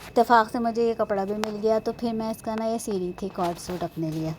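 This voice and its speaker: A chatty woman with a mellow, warm voice talks casually and rambles from one thing to the next. She often stops to say prayers and blessings. A faint background hiss sits under her. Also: fairly high pitch, steady tone. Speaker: vlogger. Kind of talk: casual chat. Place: at home and at a horse stable, partly outdoors.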